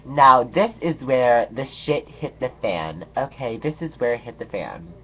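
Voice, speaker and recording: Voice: medium pitch, lively intonation, unhurried, lo-fi sound. A vlogger telling a story in a sassy, dramatic way, swearing freely and tossing in "okay" between lines. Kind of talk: casual storytelling rant.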